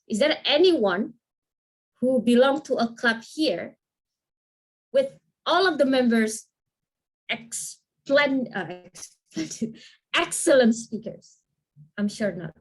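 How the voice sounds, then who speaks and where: A woman with a slightly high voice runs an online training session over a video call. She answers questions in a lively, encouraging way and often checks that listeners agree. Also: takes it slowly.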